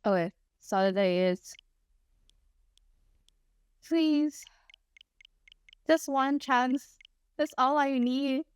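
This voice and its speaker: This young Singaporean streamer has a high-pitched voice with lively intonation, speaking extremely slowly and pausing often on a smooth, dry recording. With her mixed, partly Singaporean English accent, she rambles casually while gaming, frequently laughing and pleading playfully.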